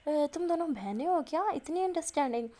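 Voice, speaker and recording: A woman's voice: a little high, vocal fry, dark tone. A woman doing a teasing lady doctor.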